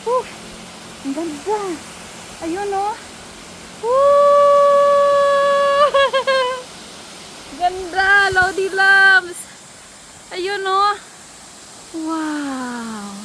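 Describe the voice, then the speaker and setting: A woman vlogging by a waterfall on her phone, excitable and giggly, exclaiming often and sounding nervous and shaky. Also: very high voice, noisy background. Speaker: travel vlogger. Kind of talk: casual vlog narration. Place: outdoors by a waterfall. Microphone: handheld phone. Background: rushing waterfall.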